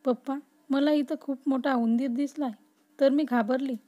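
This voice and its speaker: A woman voicing a spirited, quick-witted young woman in a storybook reading. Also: high-pitched, steady tone, dark tone. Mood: lively.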